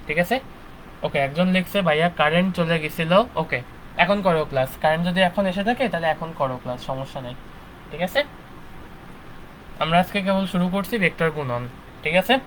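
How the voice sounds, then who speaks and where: Young guy teaching a live class, bright forceful voice, keeps asking "ok?", faint room hum. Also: a little high, low-quality recording. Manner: checks in constantly with "ঠিক আছে?" and "okay". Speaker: physics instructor. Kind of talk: live online lecture.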